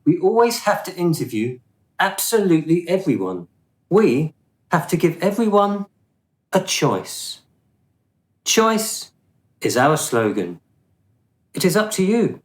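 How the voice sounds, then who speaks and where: A heavily acted radio-play performance: a man voices a self-satisfied, officious official of the afterlife. Deliberate and slow, he mocks drily and talks down to others, with a pitch that swoops expressively.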